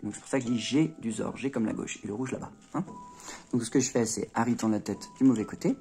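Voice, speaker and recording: A man's voice: medium pitch, quick pace, mellow, faint music behind. Chatty man demonstrating moves, asking "ok?". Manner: chatty, checks in with "d'accord?", punctuates moves with "hop" and "tac". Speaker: Rubik's cube tutor. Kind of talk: casual hands-on tutorial.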